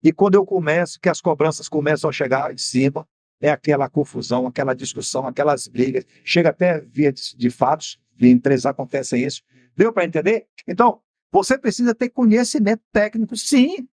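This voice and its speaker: A man's voice: a little high, fairly quick, a little mellow. A Brazilian man with a Bahian accent hosting a TV program, explaining in a didactic way and asking rhetorical questions. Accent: Brazilian Portuguese, Bahian. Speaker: TV show host and mentor. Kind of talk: explanatory TV talk on finance. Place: TV studio.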